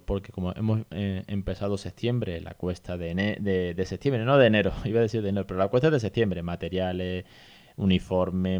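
A man's voice: on the low side, a little mellow, clean tone, highs cut off. A man from Spain hosting a casual solo podcast, chatty and swearing casually as he acts out the people he quotes. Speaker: podcast host. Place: hotel room.

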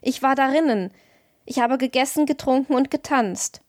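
A woman's voice: high voice, normal speed, no room sound, studio quality, pitched above the performer's own voice, lightly acted. A woman voicing a weary, bewildered young male traveler in an audiobook, with urgent, pleading questions. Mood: insistent. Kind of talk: audiobook reading.

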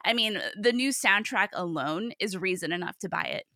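Female podcast guest, animated and exclamatory, gravelly head-cold voice, bright, close dry sound. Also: medium pitch, moderate pace, no echo. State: congested with a cold. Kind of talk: casual chat, storytelling.

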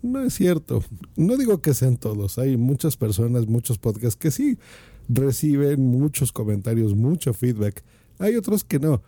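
A gravelly, mellow-toned man with a Mexican accent hosts a podcast in a casual, playful way. He speaks straight to his listeners and records on his phone in a dry-sounding office. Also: on the high side, no room sound. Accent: Mexican Spanish. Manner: playful and chatty, addresses listeners directly. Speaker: podcast host.

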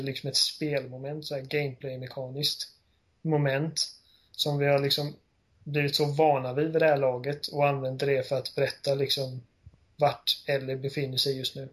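A man with a slightly high, husky voice talks through a favorite game. He retells scenes eagerly and fills his sentences with hesitations. The tone is loose and conversational. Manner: enthusiastic, retells scenes with many fillers. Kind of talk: casual game discussion.

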